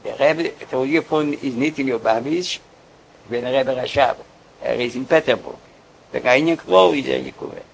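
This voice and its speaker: Gravelly guy telling an old story, stops and starts a lot, faint noise behind him. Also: mid-range voice, sing-song, rough recording. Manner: halting, repeats words often. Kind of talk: casual storytelling.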